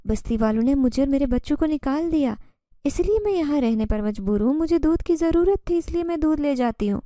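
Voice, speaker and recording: A woman's voice: sits high, animated, dark tone, dry recording, clean studio sound, pitched above the performer's own voice. A woman voicing a homeless female jinn mother who speaks in a strange, coaxing, familiar tone. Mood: pleading.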